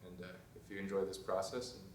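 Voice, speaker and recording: Deep-voiced young man, relaxed rambling vlog. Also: quick pace, recorded from a distance, slight background noise. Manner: relaxed, rambling, trailing off into quiet asides. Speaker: fashion design student vlogger. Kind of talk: casual vlog talk. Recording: roomy sound from off mic, faint ambience.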